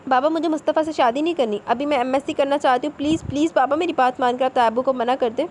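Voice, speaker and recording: A woman's voice: high-pitched, darkish tone, a little hiss or hum, lightly acted. Woman reading as a bitter young heroine. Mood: pleading. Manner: pleading then furious outbursts.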